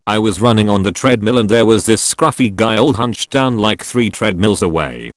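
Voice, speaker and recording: A man narrating gym stories from online posts in a steady, matter-of-fact reading voice. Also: lowish voice, dry recording. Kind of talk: scripted narration.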